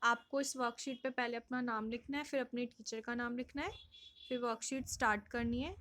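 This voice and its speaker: A woman teacher giving an online lesson to young children, slow and patient, repeating each question and answer, with an Indian English accent. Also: a little high, fairly even intonation, fairly bright tone.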